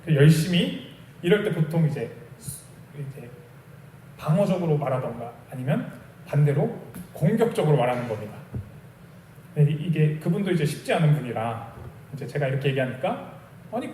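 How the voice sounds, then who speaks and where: Korean pastor preaching in an echoey room. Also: male voice, on the high side, animated, a little fast, pauses often, dark tone, far from the mic, slight background noise. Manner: conversational storytelling preacher, acts out dialogue. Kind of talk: sermon. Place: small church sanctuary.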